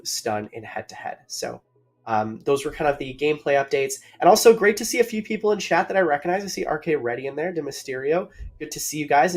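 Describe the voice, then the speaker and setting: A man co-hosting a mobile game livestream, upbeat and chatty, greeting viewers in chat and sounding a bit out of breath. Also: medium pitch.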